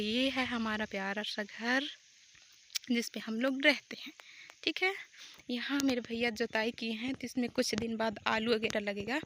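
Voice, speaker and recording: A woman's voice: on the high side, fairly bright tone, a little hiss or hum. A young woman vlogging casually as she tours her rural home outdoors, chatty and a little apologetic, recorded on a handheld phone. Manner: chatty, apologetic, homely commentary. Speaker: village vlogger. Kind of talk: casual village vlog tour.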